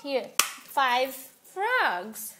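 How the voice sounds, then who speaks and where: A woman's voice: high-pitched, sing-song, extremely slow. A young woman reading and counting with her toddler, using simple repeated phrases and encouragement, switching between English and Portuguese. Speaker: mother teaching her toddler. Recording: noisy home recording with clicks.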